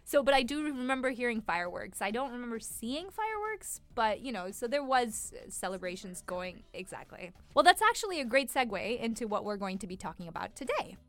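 A woman's voice: on the high side, sing-song, brisk, hardly any pauses, a bit bright, no room sound. A woman co-hosting a language lesson, conversational and explanatory in her delivery. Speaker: Urdu lesson podcast host. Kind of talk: casual co-hosted language lesson.

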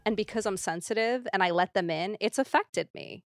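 A woman's voice: mid-range voice, brisk, no room sound, clean studio sound. A young woman talking candidly as a podcast guest, rambling with lots of fillers and the odd nervous laugh. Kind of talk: casual podcast conversation.

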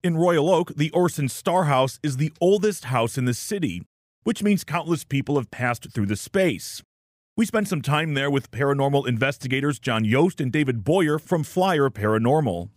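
A man's voice: fairly high pitch, animated, moderate pace, no room sound, clean studio sound. A man hosting a podcast, narrating ghost stories from a script in a storytelling manner. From Michigan. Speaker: podcast host.

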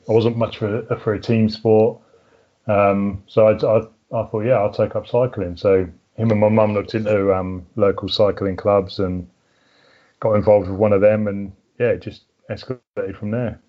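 A man's voice: lowish voice, flat delivery, moderate pace, dull audio. A middle-aged man with a southern English home counties accent, chatting casually as an interview guest in a hesitant, thinking-aloud way. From southern England. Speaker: podcast guest, mountain biker.

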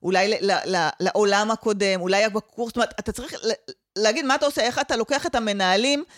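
A woman's voice: mid-range voice, no room sound, clean studio sound. A woman with an Israeli accent explaining in casual conversation as a guest expert, mixing in English professional terms. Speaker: guest expert on training development and change management.

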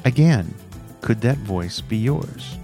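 A man's voice: medium pitch, expressive, takes it slowly, vocal fry, dark tone, soft background music. A man giving scripted, playful narration in a theatrical radio voice that speaks straight to the listener. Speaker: show segment narrator.

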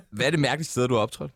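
A man's voice: medium pitch, a bit bright, breathy edge, no room sound. A man co-hosting a podcast, asking questions and trading crude jokes in casual chat. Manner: joking, crude banter. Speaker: podcast co-host.

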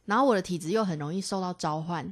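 A young woman with a Taiwanese Mandarin accent, co-hosting a podcast and telling a story in an animated, chatty way with many restarts. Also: fairly low pitch, very fast. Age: young adult. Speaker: podcast co-host. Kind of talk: casual storytelling chat.

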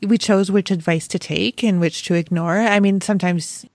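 A woman hosts a podcast in a lively, effusive way, quick to exclaim. Her voice is recorded close and dry, with no room sound. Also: on the low side, dry recording. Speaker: podcast host. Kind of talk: casual conversation.

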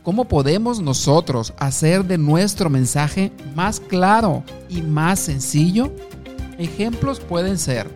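A man teaches communication skills, speaking directly to the listener and asking questions. His voice is mellow and pitched a little high. Soft background music plays faintly underneath. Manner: asks the listener questions, tells short anecdotes. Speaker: communication coach. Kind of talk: instructive talk to the listener.

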